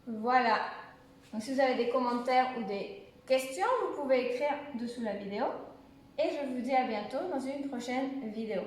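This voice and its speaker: A woman from France with a French accent, a university French teacher giving a beginner lesson with clear, slow explanations and repeated example sentences. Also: on the high side, a little mellow, a little hiss or hum. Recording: very echoey room.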